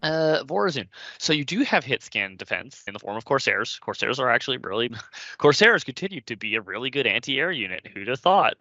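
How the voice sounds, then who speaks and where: Man panelist, bright tone, rambling strategy explainer, dull dry lo-fi mic. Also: mid-range voice, sing-song, a little fast, no echo. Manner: detailed, rambling explanations with many fillers. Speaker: co-op game panelist. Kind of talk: casual strategy discussion.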